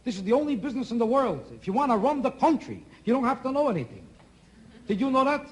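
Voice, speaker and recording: A man's voice: extremely high pitch, sing-song, fast. A man doing a stand-up comedy routine on a TV stage, sardonic and needling the audience with repeated questions. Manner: sardonic, talks to audience members, rhythmic repetition. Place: TV studio stage with live audience.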